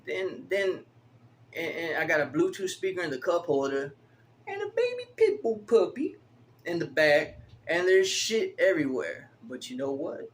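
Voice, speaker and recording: Man, early forties, vlogger talking to camera, loose profane delivery, breaks into laughter, slightly higher voice, faint background hum. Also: normal speed. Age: 40s. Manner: profane, laughs often, animated storytelling. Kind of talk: rambling casual monologue.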